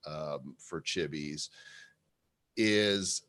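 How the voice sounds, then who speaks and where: A man's voice: a bass voice, extremely slow, a bit bright. A man co-hosting a live show in casual, rambling, conversational talk. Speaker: co-host of a show about NFT art.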